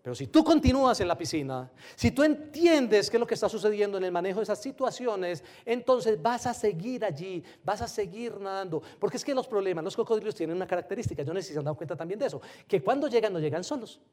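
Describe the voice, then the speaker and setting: A man giving an animated motivational talk to a live audience, often firing rhetorical questions at them. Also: high-pitched, quick pace, hardly any pauses. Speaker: motivational speaker.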